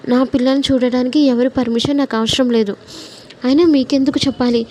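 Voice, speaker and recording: An arrogant, sneering villainess from a told story, voiced by a woman narrator. She talks down with mocking scorn. The voice is mellow, fairly high and fairly flat. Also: brisk. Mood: haughty. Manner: haughty, mocking.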